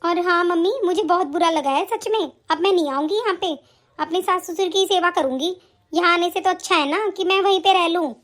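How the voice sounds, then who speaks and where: Lady doing a bratty young daughter in a cartoon story, super high voice, talks back nonstop. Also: a little fast, a bit bright. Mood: scornful. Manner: argumentative, defiant, scornful. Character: spoiled stubborn married daughter, young woman. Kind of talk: animated story voice acting.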